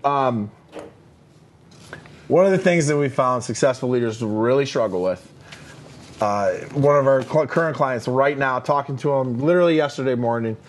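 A man's voice: medium pitch, slight background noise. Man, leadership podcast co-host, emphatic, filler-heavy, casual chat. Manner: energetic, emphatic, lots of fillers and "right?" tags.

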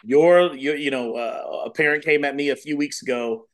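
A man in his thirties, a dance acrobatics coach chatting as a podcast guest, telling stories with animated energy and repeating phrases for emphasis. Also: on the high side, moderate pace. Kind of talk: casual interview chat.

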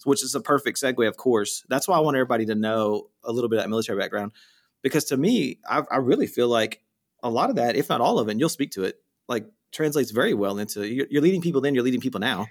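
A man's voice: mid-range voice, expressive, fast talker. A man hosting a casual interview, talking informally in long, rambling questions that he interrupts himself. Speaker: interview host.

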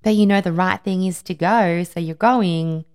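A woman's voice: on the low side, normal speed, darkish tone, smooth. A woman podcast host talking conversationally and empathetically, giving personal advice with emphatic repeated words. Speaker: podcast host, life and wellbeing coach.

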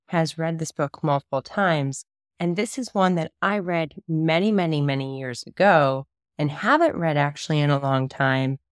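A woman in her thirties, a book coach, opens her podcast and chats casually in a low-pitched voice, upbeat and enthusiastic though a little scratchy from a cold. The recording is dry and studio-clean.

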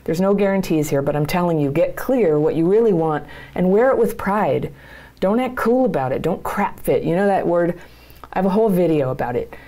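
A woman's voice: fairly low pitch, fairly quick, warm tone. A middle-aged woman hosting her own channel, speaking straight to her viewers as a coach with earnest, plain-spoken encouragement. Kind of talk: direct-to-camera advice talk.

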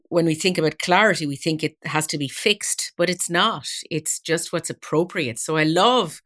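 A woman's voice: low voice, a bit bright. A woman hosting a podcast, introducing and interviewing in an effusive, encouraging manner. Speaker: podcast host.

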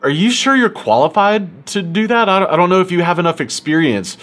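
A skeptical male friend at a bar, as a man recalls him, voice pushed up a little higher than the speaker's own. He questions hesitantly, trips over his words and sounds unconvinced. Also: expressive, a little fast, fairly bright tone. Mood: doubtful.

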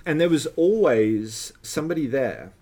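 A man's voice: mid-range voice, sing-song, normal speed, warm tone. A man from South Florida co-hosting a podcast, telling rambling, anecdotal stories in a casual chat and slipping in dry jokes. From South Florida, USA. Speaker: podcast co-host.

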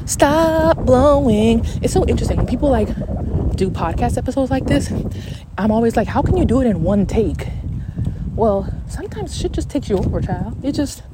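A woman's voice: on the high side, lively intonation, brisk. A woman podcast host telling a personal story in a casual monologue, outdoors in the wind, candid and swearing freely. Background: wind noise.

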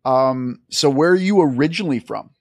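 Gravelly male interview host. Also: mid-range voice, moderate pace, dry recording. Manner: upbeat, affirming. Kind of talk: quick-fire interview questions.

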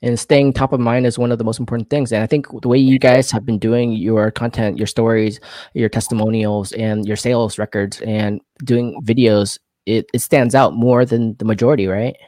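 A man hosting an interview, explaining points in quick lists and asking his guest questions. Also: fairly low pitch, steady tone, warm tone, no room sound, clean studio sound. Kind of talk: casual interview talk.

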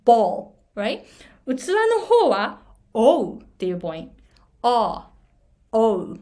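A woman's voice: a little high, slow pace. A middle-aged woman from Japan, coaching English pronunciation in a casual video lesson and telling stories animatedly. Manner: animated storyteller, switches between Japanese and English.

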